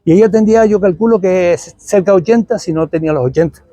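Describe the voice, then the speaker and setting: A man's voice: sits high, fast talker, warm tone, no room sound. A man in his sixties with a Canarian Spanish accent, giving a rambling, conversational talk at a tribute event. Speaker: invited speaker at a tribute event. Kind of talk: public talk.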